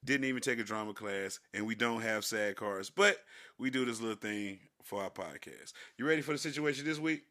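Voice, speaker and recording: A man co-hosting a podcast in relaxed, slangy chat. He keeps the talk rolling easily. His voice is bright. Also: fairly low pitch, brisk. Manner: laid-back slang, frequent "man". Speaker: podcast co-host.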